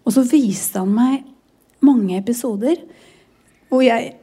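A woman's voice: fairly high pitch, dark tone, husky. A woman in her forties, a pastor's wife, sharing a personal testimony in a sermon, emotional and often close to tears.

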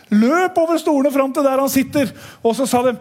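Very high-voiced man preaching a testimony. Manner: animated, emphatic, folksy, sometimes shouting. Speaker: lay preacher giving a testimony. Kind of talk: testimony sermon to a congregation. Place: church meeting hall.

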